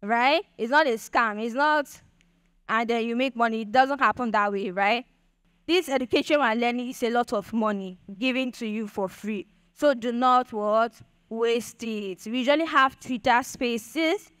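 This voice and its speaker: A woman's voice: a little high, moderate pace, a bit bright, clear, resonant tone, no room sound. A young woman with a Nigerian accent giving a chatty motivational talk to an audience, often checking "do you understand?". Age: young adult. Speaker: speaker at a Bitcoin event.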